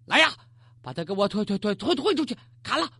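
A storyteller voicing a male emperor of ancient times who flies into rage, barks orders, and then grudgingly relents, in a husky voice with wide swings of pitch. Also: big pitch swings, measured pace, fairly bright tone, no echo, exaggerated voice. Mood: furious. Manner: barking commands, rash.

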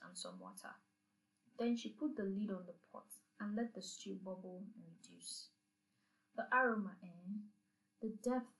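A woman's voice: medium pitch, poor audio. Woman narrator, story with recipes, humorous asides.

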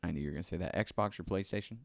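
A man's voice: sits low, very fast, vocal fry, no echo. A man hosting a podcast with casual, jokey frat-bro banter and loose swearing. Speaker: podcast host.

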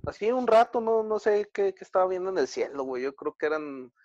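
A man's voice: high-pitched, lively intonation, fairly quick, darkish tone, dry recording, dull audio. A man with a Mexican Spanish accent, telling a story in a casual, slangy chat full of fillers.

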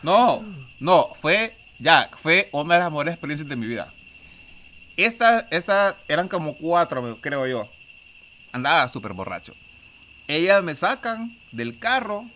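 A man's voice: a little high, big pitch swings, unhurried, sharp tone. A man animatedly telling a long, slangy story in casual chat, acting out what other people said.

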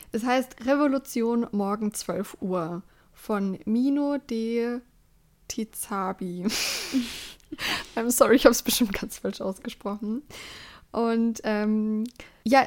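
A woman's voice: a little high, unhurried, darkish tone. A young woman co-hosting a podcast in casual chat, talking freely with frequent small laughs and filler words. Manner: chatty, laughs often, trails off with fillers. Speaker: podcast co-host.

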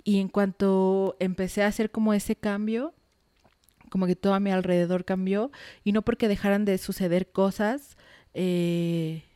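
A woman's voice: medium pitch, fairly even intonation, moderate pace, mellow, clear, resonant tone, no room sound, studio quality. A woman, a podcast guest candidly telling a personal story with frank, mildly salty words. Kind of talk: casual podcast conversation.

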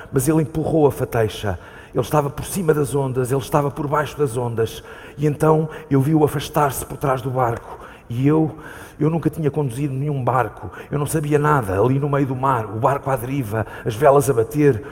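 A European Portuguese actor reads on stage in a reverberant hall, voicing a scared man at sea desperately looking for his lost companion. The delivery is brisk and medium-pitched with a darkish, near-conversational tone, and the haunted recounting is pleading, urgent and full of repetition.

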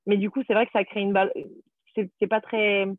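A woman's voice: medium pitch, little pitch movement, a little fast. A woman talks in French in a loose, chatty way, full of fillers and little stories. Her voice comes through thin and tinny, like a phone line. The sound is dry, with no room echo. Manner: chatty, storytelling, many fillers. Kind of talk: casual chat.

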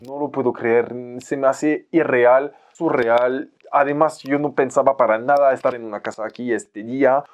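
A young man from France with a French accent, a photographer telling an animated story in a podcast conversation and mixing in Mexican slang. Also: mid-range voice. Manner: animated, playfully acts out other people's lines in raised voices, uses Mexican slang. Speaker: photographer guest.

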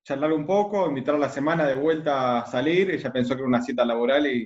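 A man speaks quickly as an interview guest, with a Rioplatense Spanish accent. He sounds confident and matter-of-fact. The room is echoey and the sound a little dull. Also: medium pitch. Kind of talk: casual interview.

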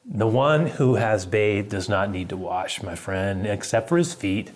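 A husky-voiced man voicing a calm, patient male teacher who speaks gently and reassuringly in a sermon retelling. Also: on the low side, unhurried. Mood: gentle.

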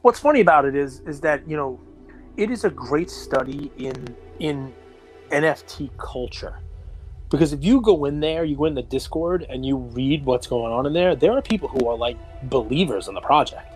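Animated man on a podcast. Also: medium pitch, moderate pace, soft background music. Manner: animated, quotes others in excited put-on voices. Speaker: podcast co-host. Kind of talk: casual podcast chat.

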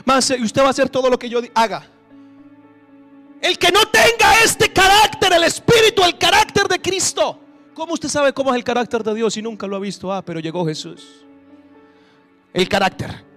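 A man pastor preaching a sermon, dropping to hushed, slow phrases and then rising to shouted bursts. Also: very high voice, animated, soft background music.

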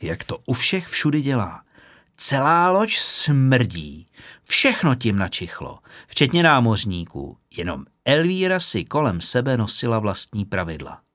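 A man's voice: medium pitch, sing-song, fairly bright tone, no echo, clean studio sound. A man reading a novel aloud as audiobook narration, telling the story expressively. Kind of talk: scripted narration.

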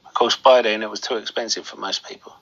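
A man hosting a money show, giving informal stock market commentary in halting pieces, his voice thick with a cold and sore, swollen throat. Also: on the low side, steady tone, fairly bright tone, lo-fi sound.

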